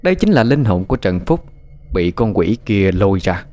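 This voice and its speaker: A man narrating a scripted horror story with lively, dramatic delivery. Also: fairly low pitch, moderate pace. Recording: faint music behind.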